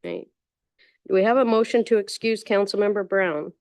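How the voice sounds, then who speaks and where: A woman's voice: medium pitch, normal speed, darkish tone, no echo. A woman chairing a city council meeting, calling for motions and votes in a brief, matter-of-fact way. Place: council chamber.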